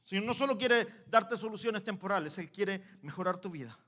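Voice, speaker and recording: A man preaching a sermon in church as pastor, swinging from quiet asides to loud exhortation and calling the congregation to repeat after him. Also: high voice, expressive, fairly quick.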